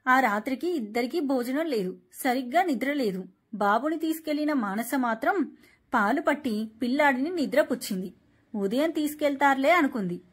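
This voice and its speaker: Female storyteller, high pitch with a breathy edge, scripted story narration. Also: lively intonation, moderate pace.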